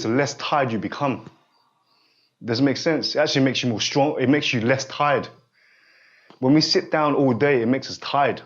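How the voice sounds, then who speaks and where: A holistic therapist in his forties guides a student in an unscripted one-on-one session. His medium-pitched voice is halting and repetitive, and he often pauses to check the listener is following. The lo-fi sound is dull.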